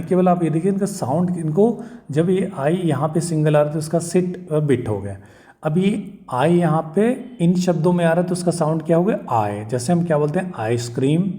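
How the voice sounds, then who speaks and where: A male teacher, patiently explaining vowel sounds and slowly repeating example words. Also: fairly high pitch, mellow. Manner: mixes Hindi with English words. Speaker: English teacher.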